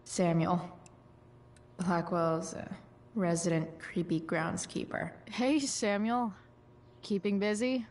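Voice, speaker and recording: A woman's voice: lowish voice, steady tone, slow, pauses often, darkish tone. An actress playing a sardonic, rebellious teenage girl in a video game, with a casual, sarcastic way of speaking. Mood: dry, mocking.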